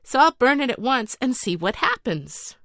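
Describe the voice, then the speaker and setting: A woman's voice: a little high, sing-song, moderate pace, a bit bright, no echo, clean studio sound, pitched above the performer's own voice. A woman voicing a frightened young boy king in a fairy tale audiobook, plaintive and hesitant. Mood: anxious.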